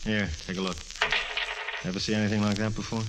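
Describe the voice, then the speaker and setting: An actor playing an easily exasperated but fond police lieutenant, with folksy banter in 1940s radio drama style. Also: male voice, fairly low pitch, little pitch movement, fast, close to an everyday voice. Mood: matter-of-fact. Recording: noisy, hissy 1949 radio recording.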